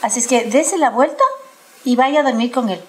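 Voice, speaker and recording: A middle-aged woman chatting casually on a panel, telling a story in a lively way and often laughing as she talks. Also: fairly high pitch, normal speed. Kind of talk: casual chat.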